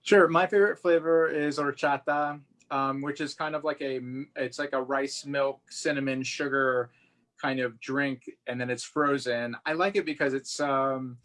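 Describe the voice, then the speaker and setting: Here the guest illustrator's mid-range voice is steady and a bit bright, at a normal speed. He chats informally and enthusiastically during his drawing demonstration, thinking aloud as he goes, recorded with roomy echo away from the mic.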